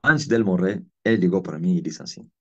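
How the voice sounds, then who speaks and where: A man's voice: low voice, fast talker, fairly bright tone. A man with an Angolan Portuguese accent preaching a sermon over a live video call, stressing his points by repeating them. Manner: emphatic, repeats phrases for weight. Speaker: apostle and preacher. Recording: slightly muffled online call audio.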